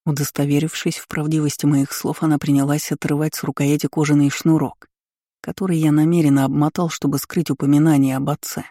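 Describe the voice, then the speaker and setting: A man narrating a story in the first person, in a measured, sardonic way. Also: fairly high pitch, flat delivery, mellow, dry recording, studio quality. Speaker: audiobook narrator.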